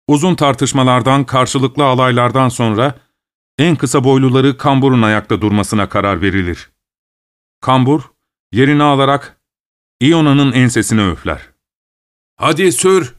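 Man reading a story calmly. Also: mid-range voice, moderate pace. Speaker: narrator.

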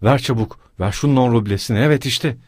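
A man voicing a frantic, furious middle-aged mother who screams shrill insults in an audiobook reading. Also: fast talker, darkish tone, dry recording, clean studio sound, lightly acted. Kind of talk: audiobook character voice.

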